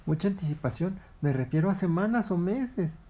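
A man voicing a sleepy female heron with a hoarse, drowsy voice, patiently explaining things in a spoken storybook. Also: high-pitched, expressive, normal speed, dark tone, voice pushed up.

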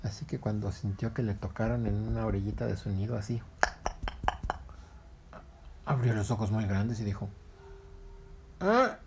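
A man's voice: fairly low pitch, level tone, moderate pace, gravelly, long pauses, heavy background noise. A man narrating a children's story in a playful, dramatic way.

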